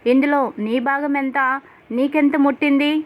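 An arrogant, bullying police officer threatens and scolds, as a woman narrator reads him. The voice is high and the reading stays plain. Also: fairly even intonation, moderate pace, lo-fi sound, lightly acted.

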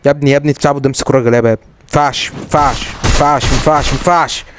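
A young man with an Egyptian Arabic accent giving excitable, teasing live commentary while he plays, his voice jumping up high when the game gets tense. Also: racing, noisy background. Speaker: gaming streamer. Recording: loud game music and gunfire behind.

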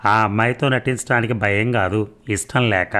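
A man's voice: fairly low pitch, fairly even intonation, normal speed, sharp tone. A man voicing a proud, easily offended young male college student who talks back with sarcasm. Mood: indignant. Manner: indignant, sarcastic.

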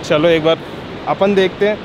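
A young man vlogging casually outdoors on a mountain trip, chatty and excitable as he talks to his viewers. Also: sits high, moderate pace, background noise. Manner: chatty, excitable, often laughing along. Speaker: travel vlogger. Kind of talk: casual on-the-go vlog chat. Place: outdoors by a mountain river and waterfall. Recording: outdoor vlog with loud river rush.

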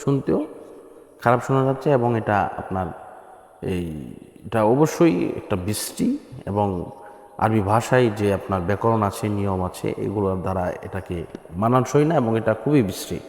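A man from Bangladesh teaching the azan, who explains plainly and then sings long drawn-out chanted phrases as examples. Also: on the low side, lively intonation, darkish tone. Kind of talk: spoken lesson with chanted examples. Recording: echoey room with long reverb.

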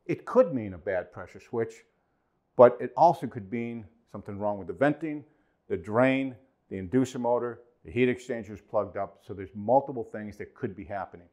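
A man's voice: mid-range voice, darkish tone. Male trainer, 40s, emphatic product explainer, lapel mic in a small studio. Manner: emphatic, gestures a lot, repeats key points. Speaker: HVAC trainer for a distributor. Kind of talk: product demo and technical explainer. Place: indoor studio with whiteboard and acoustic foam.

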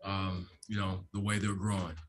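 A man in his sixties, a basketball coach, answers postgame questions into a table microphone in a press room. His voice sits low and stays level, with little rise or fall. He talks in a measured way, restarts often, and leans on fillers. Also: level tone, noisy background. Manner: measured, repeats phrases, frequent fillers. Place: press room with sponsor backdrop. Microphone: table microphone in front.

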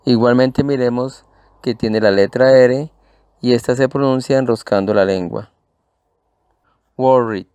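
A man's voice: medium pitch, normal speed, darkish tone, clear, resonant tone, no echo. A man teaching English pronunciation to Spanish speakers, patiently repeating and spelling out each word.

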